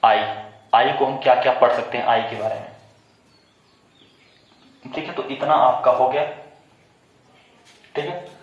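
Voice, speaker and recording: A man's voice: mid-range voice, a little slow, long pauses. A male teacher giving a classroom pronunciation lesson, quizzing his pupils and spelling words out letter by letter before repeating them. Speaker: English teacher. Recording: echoey room, muffled sound.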